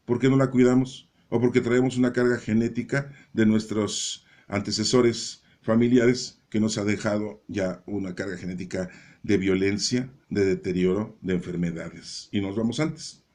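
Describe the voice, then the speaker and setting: A man's voice: normal speed, darkish tone. A man explaining Bible readings in a conversational sermon, often checking in with his listeners with "¿no?" and "¿verdad?". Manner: conversational, keeps asking "¿verdad?" and "¿no?"; acts out doubters' voices in a higher pitch. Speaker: lay preacher explaining scripture readings. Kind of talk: informal Bible reading commentary.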